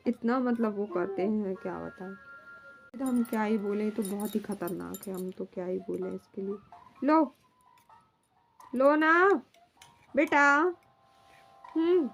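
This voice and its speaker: A young woman, a mother, chatting casually to her vlog audience at home in a rambling, homely way, often filling pauses as she talks. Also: mid-range voice, fairly even intonation, creaky, mellow, faint music behind. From India. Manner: rambling and homely, fills with "matlab".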